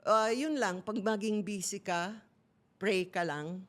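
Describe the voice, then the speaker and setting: Speaking slowly in a medium-pitched, slightly bright voice, a middle-aged woman tells a personal story candidly during casual talk-show chat. She switches between Tagalog and English as she goes.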